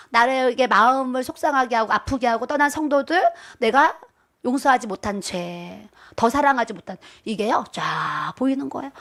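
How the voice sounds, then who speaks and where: High-pitched woman preaching, dramatic storyteller, keeps throwing questions at the congregation. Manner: dramatic storytelling, quizzing the audience. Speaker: pastor's wife preaching. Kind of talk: sermon with personal testimony.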